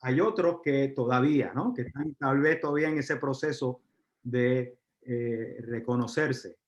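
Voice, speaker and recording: A man from Puerto Rico with a Puerto Rican accent, giving a live university lecture, pausing on fillers and asking the audience questions. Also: medium pitch. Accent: Puerto Rican Spanish. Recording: roomy, dull lecture recording.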